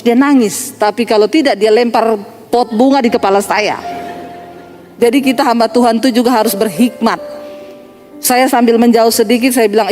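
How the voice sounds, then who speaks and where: A middle-aged woman pastor with an Indonesian accent, preaching a sermon as animated storytelling and often calling her listeners "Saudara". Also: on the high side.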